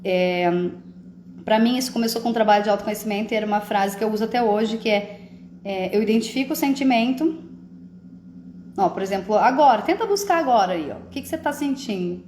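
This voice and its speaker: A woman's voice: a little high, expressive, a little fast, darkish tone, roomy sound, a little hiss or hum. A woman hosting a live stream, talking casually about emotions and often checking that listeners follow. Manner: conversational, often asks "entende?".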